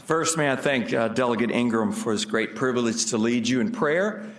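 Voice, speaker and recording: A man, a pastor, leading a formal public prayer with solemn, measured phrasing. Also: medium pitch. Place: large indoor legislative chamber. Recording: echoey room.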